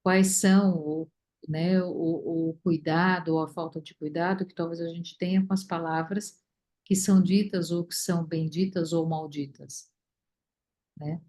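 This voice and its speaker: Woman reflecting slowly in a study group. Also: on the low side, steady tone, dark tone. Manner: thoughtful, many fillers and restarts.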